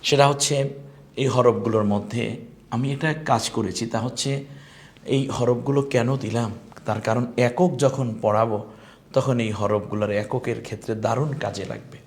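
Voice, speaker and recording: A man's voice: medium pitch, steady tone, moderate pace. A man teaching an online lesson on Quran recitation, patiently modelling each letter sound for the learner to repeat.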